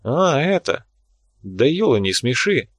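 A man reading an audiobook, voicing a brash, blunt young man with a gruff, slangy way of talking. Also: medium pitch, big pitch swings, slow, dry recording, heavily acted. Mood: scornful.

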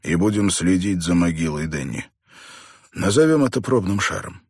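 Earnest, steady young man, read by a man; deep and husky. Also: moderate pace, dry recording, studio quality, full character voice.

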